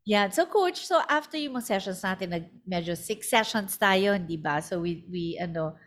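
A woman hosting a casual interview as a coach, prompting her guest with short questions and quick acknowledgements. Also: medium pitch, expressive. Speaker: host and coach.

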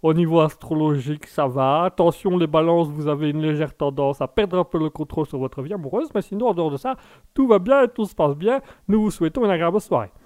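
A man's voice: fairly high pitch, quick pace, darkish tone, no echo, natural voice. A man voicing a pompous, long-winded announcer character in a comic live-show bit. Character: pompous new male announcer character, self-important.

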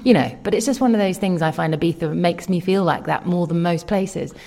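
Low-voiced chatty woman. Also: brisk, creaky, dark tone. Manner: chatty, rambling, full of fillers. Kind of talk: casual chat.

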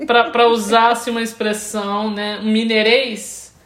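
A woman whose first language is Portuguese, co-hosting a casual chat as an English teacher, telling stories with dramatic flair and quick asides. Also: a little high, flat delivery, a bit bright. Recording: roomy echo.

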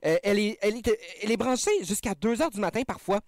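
Teasing high-voiced man. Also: quick pace. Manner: teasing, lots of hesitations. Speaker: radio co-host. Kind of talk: casual chat.

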